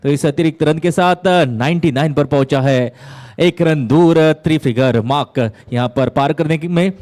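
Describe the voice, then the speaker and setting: Higher-pitched man calling live cricket. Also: moderate pace, darkish tone. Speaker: cricket commentator. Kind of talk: live ball-by-ball cricket commentary.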